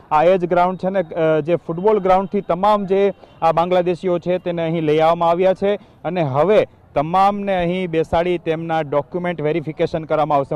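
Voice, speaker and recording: A man reporting live for a news channel from an outdoor police ground, speaking in steady, official sentences. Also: a little high, muffled recording. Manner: steady, level delivery with official lists. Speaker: field reporter.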